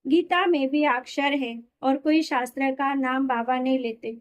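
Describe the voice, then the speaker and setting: A woman reading a spiritual discourse aloud in a steady, explanatory way, sometimes correcting herself mid-word. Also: sits high, measured pace. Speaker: reader of a daily spiritual discourse.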